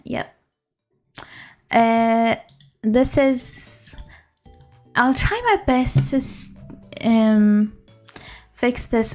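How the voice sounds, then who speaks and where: A woman's voice: medium pitch, a little mellow. A woman game streamer chatting casually on a live stream from a room at home, rambling and laughing often. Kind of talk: casual livestream chat.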